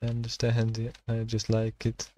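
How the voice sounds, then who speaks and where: A man streaming a survival game, talking to himself and his chat in halting, while he plays. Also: mid-range voice, completely flat delivery, dark tone, slight background noise. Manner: halting non-native English, thinking aloud while playing. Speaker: gaming streamer. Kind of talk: casual gameplay commentary.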